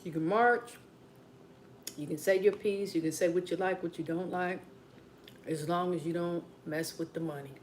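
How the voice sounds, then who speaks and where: A woman with a Southern American accent hosts a late-night mukbang livestream from home, rambling casually to her viewers like they're her besties and slipping into quiet asides. Her lowish voice is steady at normal speed, with long pauses and background noise.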